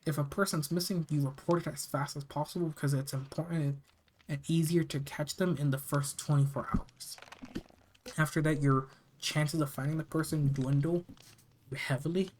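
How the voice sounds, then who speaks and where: Horror story narrator from the US, mid-pitched, halting read with repeated phrases and casual delivery. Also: steady tone, darkish tone, a little hiss or hum, poor audio. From United States. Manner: halting reading, often stumbling and repeating phrases. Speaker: narrator reading scary stories. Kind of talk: reading a first-person horror story aloud, with casual asides.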